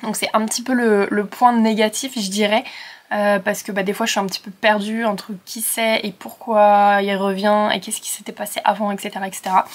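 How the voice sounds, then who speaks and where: A woman's voice: mid-range voice, flat delivery, a little fast. Young French woman, book vlogger, rambling casual chat to a camera at home. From France. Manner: chatty, rambling, many fillers and self-corrections. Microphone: camera set on a surface.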